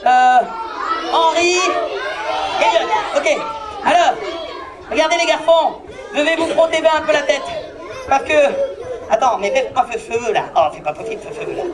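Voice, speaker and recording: A woman performing as a clown for children, playfully bossing her volunteer helpers and breaking into comic yelps and shouts. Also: high voice, lively intonation, moderate pace, long pauses, a crowd in the background. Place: large indoor hall with a live audience. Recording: live hall recording with loud audience noise.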